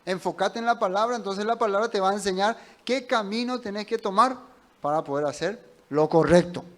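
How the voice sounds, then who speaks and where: A man's voice: high-pitched, brisk. Man preaching with rhetorical questions. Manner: conversational teaching with rhetorical questions. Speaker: pastor. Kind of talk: sermon.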